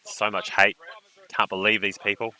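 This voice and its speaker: A man's voice: lowish voice, little pitch movement, moderate pace, sharp tone, rough recording. A man commentating a surf contest on a live stream, with laid-back, joking banter.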